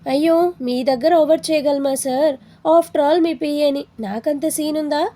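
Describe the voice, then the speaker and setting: A feisty, quick-tempered young woman assistant, voiced by the narrator. She answers back with sharp sarcasm. The voice sits high, with a soft, mellow tone. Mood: sarcastic.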